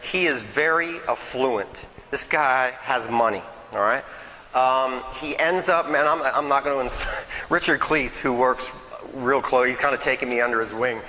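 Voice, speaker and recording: A man's voice: medium pitch, normal speed, bright, forceful tone, in a large hall, slight background noise, rough recording. A man giving a nervous, chatty local history talk to a small audience, often checking in with "okay?" and "right?". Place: meeting hall, in front of a crowd.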